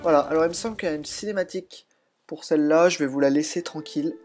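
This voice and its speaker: A man's voice: a little high, fast talker, darkish tone, soft background music. Man with a slightly altered voice. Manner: chatty, explains while playing, frequent hesitations. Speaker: let's play host. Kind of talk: casual gameplay commentary. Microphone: laptop built-in microphone.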